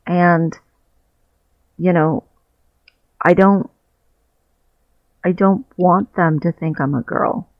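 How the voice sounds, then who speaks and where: In a personal video diary, a man with a high-sitting voice talks slowly and reflectively, leaving long pauses as he searches for words, his intonation fairly even. The vlogger is on his bed at home using a headset mic, with no echo. His audio sounds muffled, dull and lo-fi.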